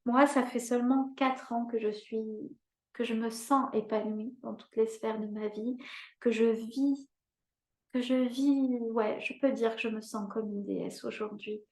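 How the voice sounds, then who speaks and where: A woman in her fifties with a slightly high voice, leading a live coaching masterclass. She speaks earnestly, doubling key words for emphasis and turning to her listeners with little tag questions. The room around her sounds echoey. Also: steady tone, a little slow, a little mellow. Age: 50s. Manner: addresses listeners directly with frequent "hein?". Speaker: life coach.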